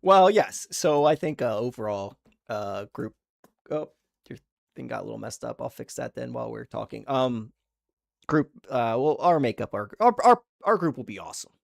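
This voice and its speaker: A man hosting a casual gaming chat stream, excitable and loose, saying dude and man a lot. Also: mid-range voice, normal speed, vocal fry, no echo, studio quality. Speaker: podcast host.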